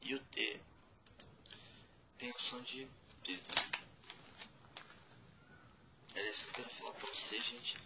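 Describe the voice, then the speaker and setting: A man giving a casual spoken lesson, spelling out letters one by one and repeating words slowly. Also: mid-range voice, wildly swooping pitch, very noisy. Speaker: language teacher.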